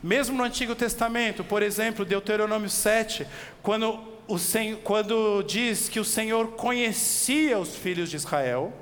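High-voiced Brazilian preacher in a reverberant hall. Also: male voice. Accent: Brazilian Portuguese. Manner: animated, asks the listeners direct questions, slows for emphasis. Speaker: pastor. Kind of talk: expository sermon. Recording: long reverb with faint background noise.

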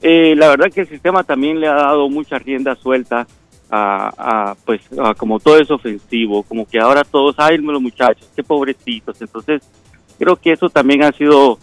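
A man calling into a radio show, polite and measured as he makes his point. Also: mid-range voice, no echo, faint music behind. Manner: polite, measured, addresses hosts "muchachos". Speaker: radio caller. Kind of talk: casual call-in opinion.

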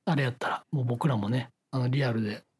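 A man's voice: medium pitch, steady tone, fast, slightly rough. A man with a Kyoto accent hosting a podcast in casual, joking chat. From Kyoto, Japan. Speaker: podcast host.

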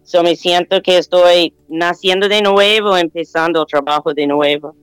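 A middle-aged woman with an American accent and English as her first language, a guest on a remote call who speaks in a calm, unhurried way and slips in English words. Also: lowish voice, clear, resonant tone, no echo, low-quality recording. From United States. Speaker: guest astrologer and yoga teacher. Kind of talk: remote interview over a call.

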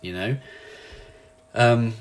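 This leadership coach, a man, gives a lively, ranting pep talk and voices the quotes he cites with animated impressions. His pitch sits in the middle, and he talks very slowly.

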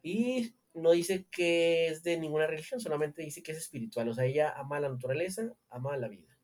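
A man's voice: on the high side, brisk, darkish tone. A man with a Mexican accent, co-hosting a casual chat, joking and swearing as he reads out dating profiles. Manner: joking, swearing, laughs often. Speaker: podcast co-host.

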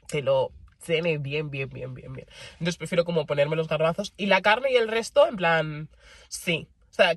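A young woman with a Spain Spanish accent chats casually to her audience, animated and quick to laugh. She repeats words for emphasis, and her voice is a little breathy. The sound is dry and close. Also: fairly low pitch, no room sound. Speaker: vlogger. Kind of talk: casual chat to camera.

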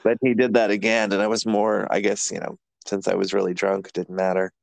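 A man's voice: on the low side, little pitch movement, fairly quick, vocal fry, dry recording. A man hosting a podcast, chatting casually in a rambling, self-deprecating way and laughing often. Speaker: podcast host. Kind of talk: casual chat.

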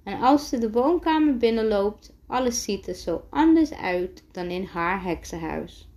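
A woman reads a children's storybook aloud at a very slow, careful pace. She often stumbles and restarts a word before going on. Her pitch sits in an ordinary middle range. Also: expressive, darkish tone. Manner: careful reading with frequent restarts. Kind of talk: reading a children's book aloud.

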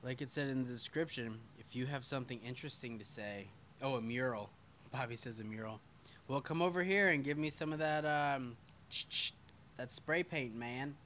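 A man with a bright, forceful voice hosts a casual live stream, reading out viewer comments and answering them as he goes. He talks loosely and pokes fun at himself, dropping the odd curse, and a faint hum of room ambience sits behind him. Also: mid-range voice. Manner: loose and swearing, with self-deprecating asides. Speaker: podcast host reading live chat.

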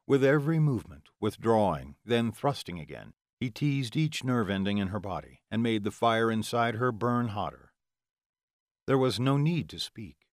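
Male narrator, low voice, dry close-mic read, steady and measured. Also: no echo. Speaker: audiobook narrator. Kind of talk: scripted narration.

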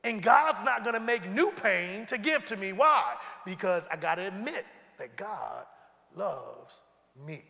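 Preacher guy, high bright voice, call and response, long echo in a big church. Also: expressive, unhurried, vocal fry. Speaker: pastor. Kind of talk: sermon. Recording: long hall reverb.

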